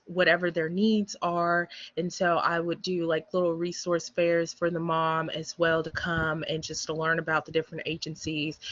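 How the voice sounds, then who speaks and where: A woman with a hoarse, raspy, strained voice gives an explanatory presentation as a prevention specialist, speaking haltingly. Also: on the low side, a bit bright, no room sound. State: hoarse, losing her voice. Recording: dull, muffled online call audio.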